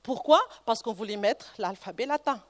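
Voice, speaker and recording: Woman, researcher, lecture, high voice, digressive, restarts mid-sentence. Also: lively intonation, normal speed. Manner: digressive, frequent "hein" asides and restarts. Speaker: researcher giving a conference talk. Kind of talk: lecture with personal anecdote.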